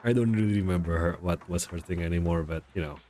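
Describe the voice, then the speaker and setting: Talking quickly in a low, dark voice, this man livestreams a game and chats casually with viewers. His talk rambles, full of self-deprecation as he gropes for the right words, while game music plays behind him.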